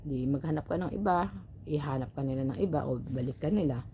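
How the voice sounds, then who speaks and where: A woman's voice: low-pitched, fairly quick, warm tone, slight background noise. A woman who works as a domestic helper, chatting to her viewers as she tells a story and gives advice, often asking "right?". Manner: chatty, advice-giving, rhetorical "right?" tags.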